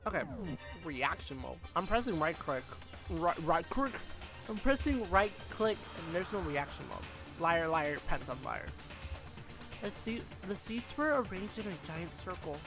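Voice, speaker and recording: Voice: medium pitch, expressive, normal speed, over music. A game streamer reading story text aloud during a live playthrough, stumbling, rereading and chatting to viewers.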